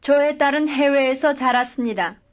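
A woman's high-pitched voice moves at a moderate pace through full example sentences for language practice. Her delivery is careful and even, though the recording is lo-fi and dull.

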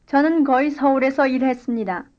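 A woman reading a scripted language-lesson dialogue and drill answers in clear, careful model sentences. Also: high voice, fairly quick, muffled recording. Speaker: language course speaker.

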